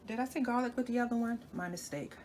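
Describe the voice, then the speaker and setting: Her voice sits on the high side, she speaks quickly, and the background is noisy. A woman with a cold, a bit stuffy, demonstrates a recipe in her home kitchen for her cooking channel. She chats casually to viewers while working, frequently correcting herself.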